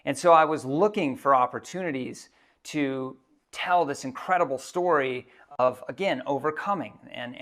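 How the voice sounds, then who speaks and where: A man in his thirties giving a reflective personal storytelling talk as a keynote speaker, halting often with fillers. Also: medium pitch, gravelly, fairly bright tone.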